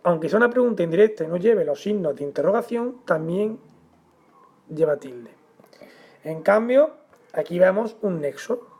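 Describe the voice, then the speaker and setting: A man teaching a grammar lesson, explaining at a measured pace and stressing the example words. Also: sits high, lively intonation, mellow, breathy edge.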